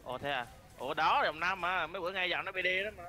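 A man's voice: high-pitched, quick pace, over a noisy crowd. A man streaming a game live, chatting casually and calling out directions to his team. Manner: casual, calls out directions to teammates. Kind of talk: live gameplay commentary. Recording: game music under voice. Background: game music.

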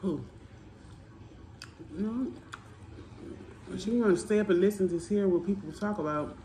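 A woman's voice: mid-range voice, a little slow, dark tone, slight background noise. A woman on her work lunch break talking with her mouth full, in a blunt, offhand way while she eats. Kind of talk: casual mukbang chat. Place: indoors at her workplace. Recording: echoey room.

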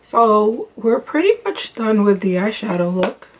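A young woman rambles cheerfully while doing her makeup at home, recorded on a close camera mic. She talks in loose, chatty runs, stacking "like" and "um" as she goes. Her voice sits at a middle pitch for a woman. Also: sing-song, unhurried, slight background noise, low-quality recording. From Los Angeles, United States. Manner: chatty, rambling, many "like" and "um" fillers. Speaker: beauty vlogger. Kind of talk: casual makeup tutorial chat. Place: home bedroom with lamps and makeup shelves.

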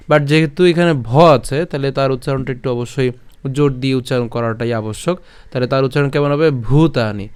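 A man's voice: on the high side, clean tone. Patient man teaching verse pronunciation. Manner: patient, step-by-step, asks and answers his own questions; slow drawn-out chanting of verses. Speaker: Gita recitation teacher. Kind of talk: pronunciation lesson.

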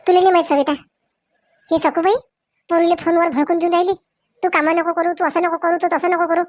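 A woman's voice: very high-pitched, level tone, brisk, no room sound, pitched above the performer's own voice. A woman voicing a weary, complaining middle-aged village woman in a comic skit. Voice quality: complaining, heated.

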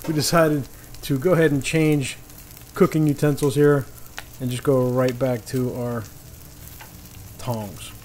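On an outdoor paved patio beside a griddle, a man hosts a casual cooking show, giving easygoing instructions in folksy phrasing. His mid-range, darkish voice is steady and a little slow, with frequent pauses. Food fries and sizzles clearly behind him.

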